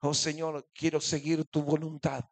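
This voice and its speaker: A man's voice: on the high side, monotone, moderate pace, vocal fry, no room sound. A man pastor with a Rioplatense Spanish accent, preaching a sermon with frequent calls of "aleluya" and "amén" to the congregation and joking asides. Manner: humorous asides, acting out little voices in stories.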